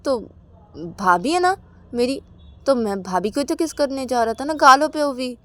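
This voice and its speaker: A woman's voice: high voice, expressive, moderate pace, pushed and bright, dry recording, pitched above the performer's own voice. A woman voicing a playful younger brother who talks in a defensive, pleading way.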